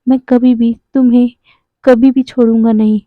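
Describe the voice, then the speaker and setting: A gentle young uncle from a romance story who soothes and pleads, as a woman narrator puts him on. The voice sits high, and the recording is muffled and dry with no room sound. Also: flat delivery, moderate pace, no room sound, close to an everyday voice. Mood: soothing. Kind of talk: storytelling voice acting.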